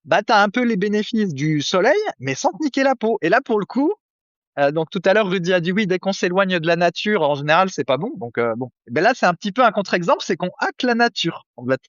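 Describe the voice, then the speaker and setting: A man's voice: high-pitched, very animated, brisk, a bit bright, dry recording, dull audio. A man co-hosting a nutrition podcast, chatting casually with many fillers and jokey asides. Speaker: podcast co-host. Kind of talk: casual chat.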